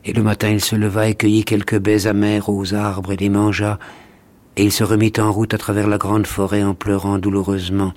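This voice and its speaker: A man reads a fairy tale aloud in a measured, solemn manner. His voice is low and his pitch barely moves, giving the reading a steady, even flow. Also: no room sound. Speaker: narrator. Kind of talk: scripted storytelling narration.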